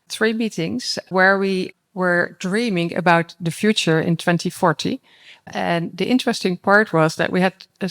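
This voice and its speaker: A panelist telling of their work in plain, short sentences, engaging listeners with questions. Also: mid-range voice. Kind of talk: panel discussion, storytelling.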